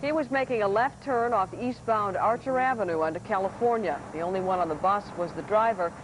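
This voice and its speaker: Female news anchor, mid-pitched voice, crisp reading, faint tape hiss. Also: a little fast, rough recording.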